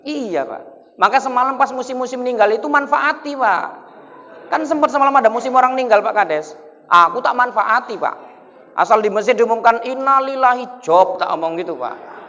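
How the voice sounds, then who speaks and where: A man's voice: very high-pitched, fairly quick, bright, forceful tone. A man giving a humorous sermon, joking and quizzing the congregation, heard in an echoey hall on a dull lo-fi recording. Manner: jokey, keeps asking the crowd questions. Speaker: Islamic preacher.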